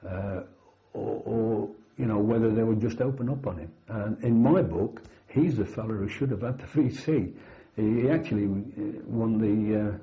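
An older British army veteran, once a platoon sergeant, recalls his war service in an oral history interview. His lowish voice is measured and matter-of-fact, laced with dry understatement. The interview recording sounds dull and lo-fi.

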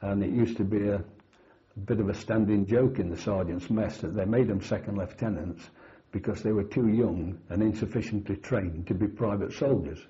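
An older British man, a former soldier, remembers his war service in a measured, matter-of-fact interview manner with dry understatement. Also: on the low side, dark tone. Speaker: army veteran, former platoon sergeant. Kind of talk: old veteran remembering, oral history interview. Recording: dull, lo-fi interview recording.

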